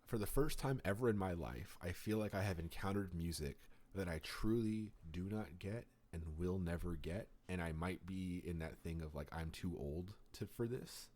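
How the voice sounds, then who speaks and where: A low-pitched man speaking at normal speed co-hosts a podcast, chatting casually. He rambles through stories in an animated way, packing in lots of fillers.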